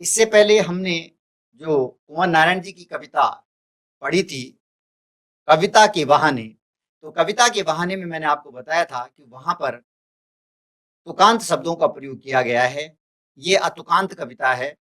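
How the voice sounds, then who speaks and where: A man's voice: fairly high pitch, animated, a bit bright. A male teacher giving a recorded lesson, explaining carefully and restating each point. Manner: deliberate, repeats and restates points.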